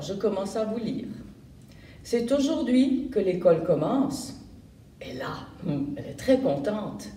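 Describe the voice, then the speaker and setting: A woman reading a picture book aloud to young children in a library, explaining words as she goes. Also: mid-range voice. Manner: slow and animated, explaining words to kids. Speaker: volunteer children's reader. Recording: roomy room, distant mic.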